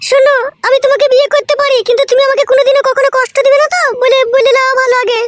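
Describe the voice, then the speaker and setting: A woman voicing a coy older mother-in-law in a cartoon comedy, squeaky and quick. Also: level tone, no echo, studio quality. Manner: squeaky, coy, fast chatter.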